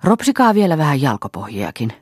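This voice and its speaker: Close and dry, a woman reading as a brash young man in a storybook, pitched well above her usual reading voice. He shouts and teases, loud and sure of himself. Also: sing-song, husky, dry recording, exaggerated voice. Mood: cocky. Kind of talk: audiobook reading.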